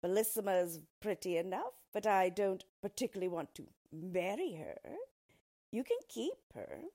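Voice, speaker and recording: A woman voicing an ugly little yellow dwarf man from a storybook, smug, sly and disdainful, speaking in a gloating, mock-polite, emphatic way. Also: mid-range voice, sing-song, measured pace, vocal fry, breathy edge, voice pushed up, exaggerated voice. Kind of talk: storybook character reading.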